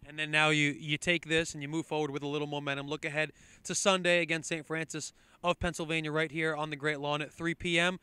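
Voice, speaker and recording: Fast, bright sideline interviewer man. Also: on the high side, little pitch movement, clear, resonant tone, no room sound. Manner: quick, upbeat broadcast delivery. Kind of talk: postgame sports interview. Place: outdoor soccer field at night. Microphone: handheld mic.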